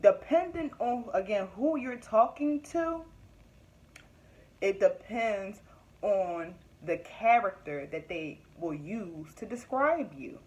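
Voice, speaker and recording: A woman's voice: medium pitch, animated, slow, darkish tone, highs cut off. A young woman from Philadelphia, a business owner and vlogger, giving candid motivational advice to camera in a casual, emphatic way, often laughing and repeating her points. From Philadelphia area, US.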